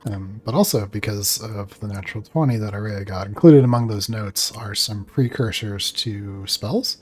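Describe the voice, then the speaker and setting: A man's voice: lowish voice, normal speed. A man narrating a tabletop game as game master, feeling his way through improvised, hesitant phrasing. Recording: clear background noise.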